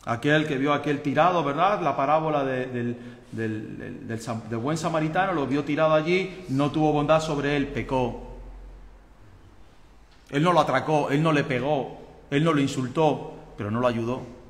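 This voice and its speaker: A pastor with a Spanish accent preaches to his congregation, moving from quiet, calm teaching to loud, fervent exhortation. His voice sits fairly high. The church room rings with a long, echoing reverb. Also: normal speed. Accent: Spanish from Spain. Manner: acts out voices of people in his stories. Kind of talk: sermon. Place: church sanctuary. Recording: echoey church hall.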